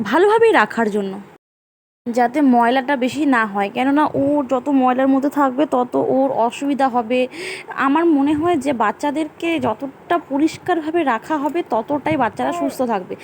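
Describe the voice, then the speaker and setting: A woman's voice: high voice, a little mellow, a little hiss or hum. A young woman, a mother chatting casually to her viewers in a home vlog. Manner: chatty, talks straight to viewers. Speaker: vlogger mother.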